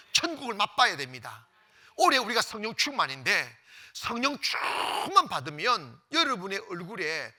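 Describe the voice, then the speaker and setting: Bright, high-pitched man preaching emphatically. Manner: swings between loud exclamations and near-whispers; emphatic, repeats phrases for effect. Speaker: pastor. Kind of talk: sermon.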